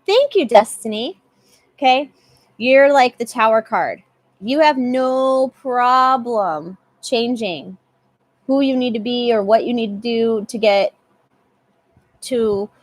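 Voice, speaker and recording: A young woman talks through a live tarot reading in a loose, chatty way, often saying the same line twice. Her voice sits a little higher than most women's. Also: takes it slowly, pauses often, no echo. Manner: chatty, repeats phrases, swears casually. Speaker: tarot reader.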